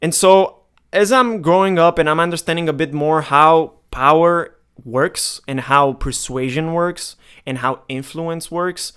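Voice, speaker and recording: Candid young man, smooth and clear. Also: on the high side, a little slow, a bit bright. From Romania. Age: 20s. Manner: candid, emphatic, talks straight to the viewer. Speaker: marketing vlogger. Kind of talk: casual direct-to-camera monologue.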